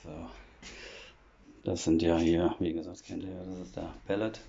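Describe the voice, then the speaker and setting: A man's voice: low-pitched, flat delivery, moderate pace, gravelly, warm tone, lo-fi sound. A man chatting casually as he walks through his old half-timbered house with a phone camera, explaining things step by step with lots of fillers. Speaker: vlogger giving a home tour. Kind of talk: casual walkthrough chat. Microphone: phone camera held while walking.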